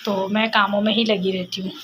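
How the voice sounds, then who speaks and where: A woman's voice: medium pitch, level tone, brisk. A young woman with a sore throat, chatting casually while cooking at home for her family vlog, rambling with many fillers. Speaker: family vlogger. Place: home kitchen. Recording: loud background noise.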